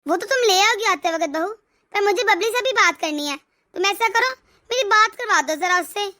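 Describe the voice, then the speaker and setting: A worried mother-in-law in a cartoon family drama, voiced by a woman, high-pitched and anxious. She pleads and frets over her daughter. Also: normal speed, sharp tone.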